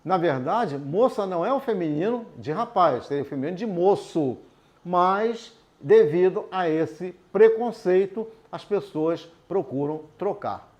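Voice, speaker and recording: The teacher here is a man with a high-pitched, expressive voice of darkish tone, standing at a board for an adult literacy class. He explains things slowly and patiently, regularly asking "tudo bem?" to make sure the class is following.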